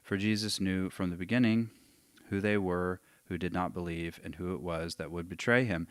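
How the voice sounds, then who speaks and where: A man fielding viewer questions in a live session thinks aloud casually and reads long passages with emphasis. He has a low voice, steady tone, and normal speed, recorded without echo.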